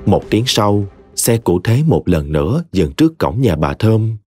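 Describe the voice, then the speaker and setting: A man narrating a short story in a dramatic, expressive audiobook reading. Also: fairly low pitch, normal speed. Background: soft music.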